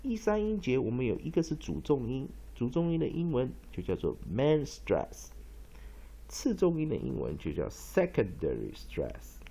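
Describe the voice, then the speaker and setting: A male English teacher giving a pronunciation lesson, explaining at length with many drawn-out fillers and reading dictionary entries aloud. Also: medium pitch, sing-song, creaky, mellow, husky. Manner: reads dictionary entries slowly.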